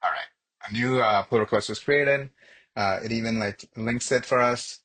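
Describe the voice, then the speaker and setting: A man giving a casual screen-share software demo, talking in a relaxed, conversational way as he thinks aloud while clicking through. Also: mid-range voice, normal speed.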